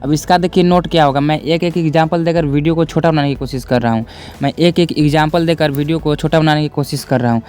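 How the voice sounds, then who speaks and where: This young teacher talks quickly in a steady, darkish voice on the high side, with soft music in the background. He explains his classroom lesson step by step, repeating each point twice and speaking right to the students.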